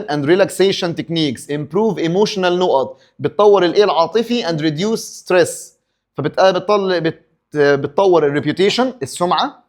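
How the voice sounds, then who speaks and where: A man with an Egyptian Arabic accent teaching an English exam review, asking and answering his own questions and stopping for pep talks. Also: a little high.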